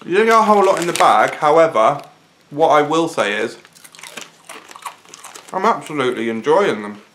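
British man, higher-pitched, casual food reviewer. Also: big pitch swings, normal speed, a bit bright, slight background noise, rough recording. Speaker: food reviewer, video host. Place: small living room, sofa, indoors.

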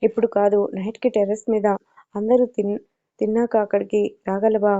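A woman's voice: medium pitch, level tone, a little fast, warm tone, no echo, natural voice. A woman voicing a playful, affectionate young man who talks eagerly. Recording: dull lo-fi recording.

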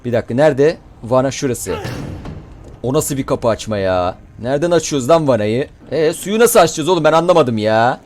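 A man doing excitable let's-play commentary, swearing and shouting at the enemies as he plays. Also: mid-range voice, brisk, slight background noise. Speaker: gaming YouTuber.

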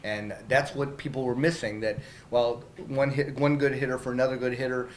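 A man's voice: medium pitch, fairly even intonation, a little fast, a little hiss or hum, poor audio. A middle-aged man, a baseball team manager, answering reporters' questions after a game in a small press room, speaking candidly with many fillers and restarts into handheld mics held up close. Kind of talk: post-game press interview. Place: small press room in front of a logo backdrop. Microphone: several handheld reporter mics held up close.

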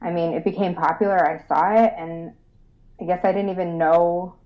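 A woman's voice: on the low side, steady tone, normal speed. A young adult woman from Rochester, New York, speaking as a guest in a casual interview, bubbly and eager, laughing often. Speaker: guest designer. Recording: dull lo-fi sound.

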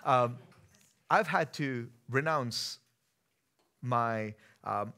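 A pastor in his thirties from India, speaking with an Indian accent, preaches a sermon from a church stage. He moves between easygoing conversation and forceful, emphatic delivery, drawing out his words in a mid-range voice.

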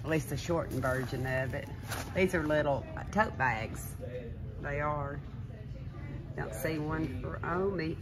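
A woman's voice: deep voice, measured pace, pauses often, background noise. A woman, filming on a handheld phone as she browses a gift shop and chats casually. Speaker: vlogger filming while shopping. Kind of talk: casual chat. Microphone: handheld phone camera.

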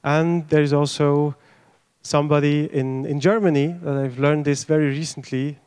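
A man's voice: a little high, fairly even intonation, normal speed, darkish tone, clean tone. A man in his thirties giving an informal technical presentation, explaining in a slightly hesitant way. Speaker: conference speaker. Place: stage in a large event tent. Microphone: handheld microphone.

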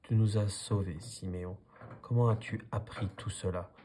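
A man voicing a stern, sturdy old male duck who leads the flock, in a calmly read storybook. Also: on the low side, moderate pace, a little hiss or hum, natural voice. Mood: commanding. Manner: commanding, gruff.

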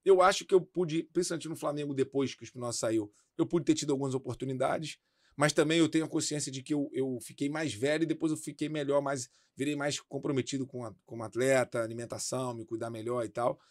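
A man's voice: medium pitch, fairly even intonation, darkish tone, dry recording, clean studio sound. A man, a former footballer talking candidly and slangily about his career as an interview guest. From Brazil. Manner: fast, slangy and candid, with frequent swearing. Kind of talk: casual interview chat.

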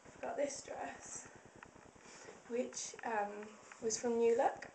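Croaky-voiced young woman vlogger. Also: on the high side, fairly even intonation, takes it slowly, mellow, recorded from a distance. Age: young adult. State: croaky, slightly hoarse voice. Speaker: fashion vlogger. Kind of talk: casual outfit-of-the-day vlog. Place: small indoor rooms at home, bathroom. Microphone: handheld compact camera, close. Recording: echoey room with background noise.

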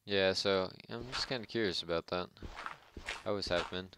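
A let's play host with a low, harsh voice gives casual, rambling gameplay commentary at a normal speed, joking and chatting with his viewers. Background noise can be heard.

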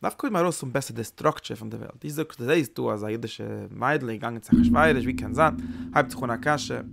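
A man giving a Kabbalah lesson as a Torah teacher, speaking haltingly and often repeating words and restarting phrases. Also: medium pitch, vocal fry, fairly bright tone, a little hiss or hum.

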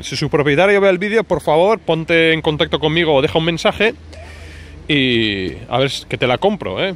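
Speaking from behind a handheld phone or camera, a male motorcycle vlogger chats casually and colloquially in an outdoor street parking area, his voice a little high. The off-the-cuff commentary is captured amid the noise of an urban street.

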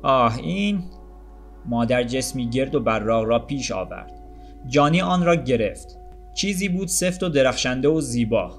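A man reads a literary short story aloud in a calm, measured way. His voice sits at an everyday middle pitch, and faint music plays softly beneath him. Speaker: audiobook narrator. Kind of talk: storybook reading.

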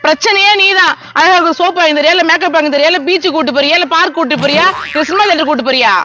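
A woman acting a fed-up wife who scolds her idle husband in a shrill, scolding manner. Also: racing, pushed and bright.

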